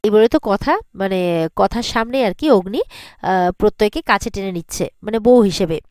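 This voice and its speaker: A woman's voice: mid-range voice, fairly quick, a little mellow, no echo, studio quality. A woman casually recapping a TV serial episode, retelling scenes and reading out the characters' lines with filler sounds.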